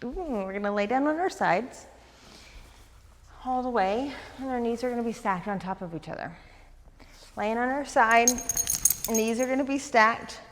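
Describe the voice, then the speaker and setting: Fast-talking, eager female stretch instructor. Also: fairly high pitch, expressive, in a large hall, a little hiss or hum. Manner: eager, talks fast, coaching cues. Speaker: fitness instructor. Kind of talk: guided stretching class.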